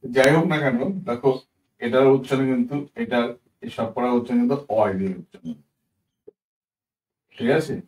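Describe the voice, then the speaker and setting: A man teaching English pronunciation in a patient spoken lesson. He spells out example words slowly letter by letter and often checks in with his listeners. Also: mid-range voice. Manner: patient, addresses viewers as friends, asks "ঠিক আছে?", corrects himself with "sorry". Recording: echoey room, voice a bit far from the mic.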